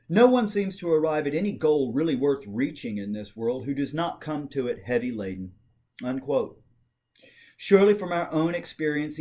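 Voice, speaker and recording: An amateur reader performs a historical political speech, declaiming it formally with dramatic emphasis and carefully measured phrasing. His male voice is pitched a little above average and has a dark tone.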